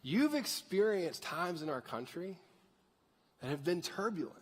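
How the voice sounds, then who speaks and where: High-pitched, sing-song and a touch rough, the thirty-something pastor takes his time as he preaches a conversational sermon. He asks the church crowd to raise their hands, and the big sanctuary adds a long hall reverb.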